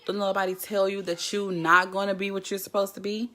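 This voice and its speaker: A woman's voice: medium pitch, level tone, fast, pushed and bright. A woman from Jackson, Mississippi, chatting casually on a livestream and greeting viewers by name. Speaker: livestream host.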